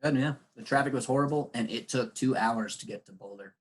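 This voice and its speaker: A man's voice: medium pitch, fairly quick, slightly rough. A man teaching an online English lesson, patiently explaining words with examples over a video call.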